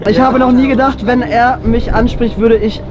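A man's voice: extremely high pitch, fairly even intonation, lo-fi sound. A young man reading party-game prompts on a city balcony, teasing his friends in a slangy, joking way. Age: young adult. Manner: teasing, slangy, quick-talking. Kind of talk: casual banter among friends.

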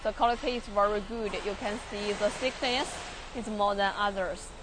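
A young Chinese woman touring a large factory workshop in halting English with a Chinese accent, repeating words and using many fillers, filmed on a handheld phone. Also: medium pitch, fairly even intonation, noisy background. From China. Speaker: factory tour guide. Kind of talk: live factory tour walkthrough. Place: large industrial workshop and outdoor factory yard.

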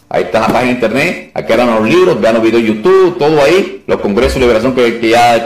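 A man teaching an informal class on deliverance ministry. He repeats himself and keeps asking "ok?" to check on his listeners. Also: medium pitch. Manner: repetitive, restarts often, asks "ok?" to check. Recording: echoey room, voice from a distance.

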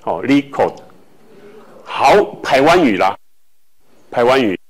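Man, from Taiwan, language teacher, slow classroom talk, repeats words, lots of filler tags. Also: mid-range voice, very animated, rough recording. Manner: filler-heavy speech with frequent "hou" tags.

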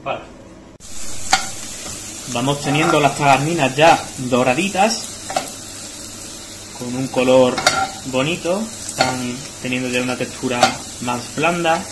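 A man cooks in a small tiled restaurant kitchen, explaining each step of a recipe and often checking in with viewers. His medium-pitched voice moves slowly with long pauses. Behind him, a pan sizzles and frying noise echoes off the walls amid kitchen ambience.

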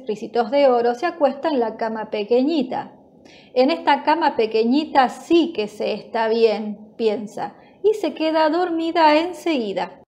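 A woman narrating a children's storybook in a slow, clear, gentle storytelling manner. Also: high-pitched.

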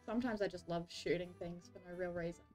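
A woman's voice: on the low side, fairly even intonation, quick pace, darkish tone, soft background music. An Australian woman streaming a game, chatting casually with viewers and greeting them with frequent giggles. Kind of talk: casual livestream chat.

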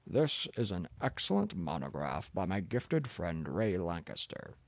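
Pushing his voice down into a deep, gravelly, exaggerated register, a male audiobook narrator voices a blustering, pompous elderly professor who lectures with contempt. He speaks a little slowly with big pitch swings, and the recording has no echo.

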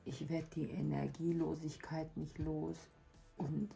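A woman chatting casually and reflectively to her viewers, hoarse from a lingering cough, her weak voice giving out and breaking into breathy whisper. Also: low-pitched, level tone, takes it slowly, mellow, soft background music, low-quality recording. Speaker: hobby video host. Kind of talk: casual personal chat to viewers.

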